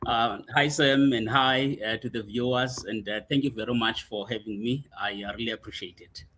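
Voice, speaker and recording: Husky-voiced South African man, guest coach. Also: mid-range voice, fairly even intonation, normal speed, fairly bright tone. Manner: hesitant, many fillers, thoughtful. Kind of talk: casual interview.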